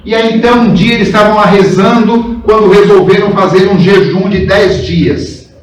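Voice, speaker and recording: High-voiced man lecturing in an echoing hall. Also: normal speed. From São Paulo state, Brazil. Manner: conversational, asks the audience questions, uses "né". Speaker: guest speaker. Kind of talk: spiritist lecture with storytelling. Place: large hall at a spiritist center. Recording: echoey hall, mic far off.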